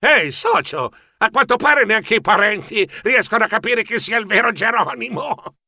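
A man's voice: sits high, lively intonation, creaky, bright, forceful tone, no echo, clean studio sound, pitched above the performer's own voice, full character voice. A man voicing a sly, boastful male pirate cat in a storybook, talking in a smug, mocking way. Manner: smug, mocking, rapid-fire questioning.

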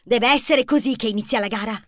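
A man voicing a bossy, impatient young female mouse who talks in a shrill, pushy way in a children's storybook reading. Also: quick pace, a bit bright, no echo, clean studio sound.

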